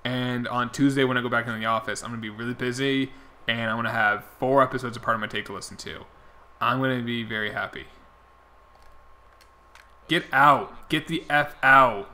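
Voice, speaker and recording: This young man streams a baseball video game, chatting casually and answering viewers in his chat while his voice wears out and he starts losing it. His medium-pitched voice is bright and forceful, with fairly even intonation at a moderate pace.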